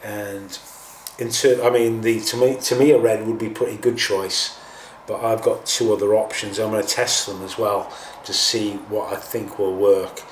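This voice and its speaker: Low-voiced man in a roomy, distant recording. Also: fairly even intonation, normal speed, few pauses. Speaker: host of a scale model painting tutorial. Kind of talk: casual hands-on tutorial talk. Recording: roomy, distant mic, faint noise.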